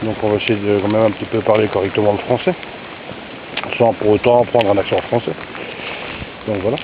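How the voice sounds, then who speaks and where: A man's voice: fairly low pitch, fairly quick. A man from Brussels, commenting casually on a walk, slightly out of breath, rambling with fillers, filmed on a handheld camera outdoors. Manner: relaxed, rambling, many fillers. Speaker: vlogger. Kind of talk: walking vlog commentary. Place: outdoors on woodland and field paths. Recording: dull camera audio, wind noise.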